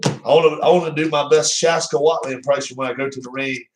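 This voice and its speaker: A man's voice: mid-range voice, fairly even intonation, quick pace, background noise. A man hosting his own channel, chatting casually on a live stream in a rambling, teasing, jokey manner. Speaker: channel host. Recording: roomy echo.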